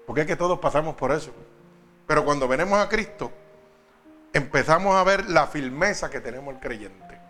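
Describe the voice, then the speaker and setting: A man's voice: on the high side, expressive, normal speed, a bit bright, faint music behind. A man preaching a sermon, talking straight to the congregation with emphatic questions.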